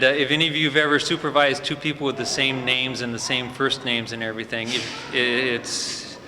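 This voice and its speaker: A fire department EMS supervisor with a sharp, medium-pitched voice presents the graduating cadets at a ceremony, speaking off the cuff with frequent fillers. The large indoor hall is echoey, with faint ambient noise.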